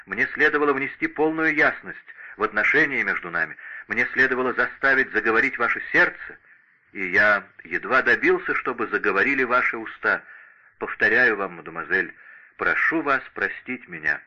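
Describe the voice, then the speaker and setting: A man's voice: on the low side, expressive, normal speed, pushed and bright, highs cut off, exaggerated voice. A man voicing a heartbroken young nobleman who speaks formally and earnestly in an audiobook. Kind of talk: audiobook character reading.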